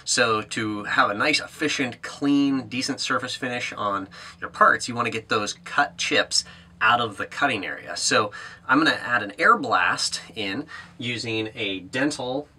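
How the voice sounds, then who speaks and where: A man's voice: medium pitch, measured pace, bright, forceful tone, husky. A man in his thirties casually explaining a build in a small home workshop, talking to a camera with lots of "uh" fillers. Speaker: maker vlogger. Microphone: camera on a tripod, then handheld.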